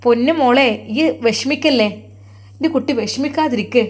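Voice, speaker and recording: A woman's voice: high-pitched, moderate pace. A woman voicing a caring, protective middle-aged mother who comforts and scolds, with a Malappuram Malayalam accent. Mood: soothing. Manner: soothing, firm.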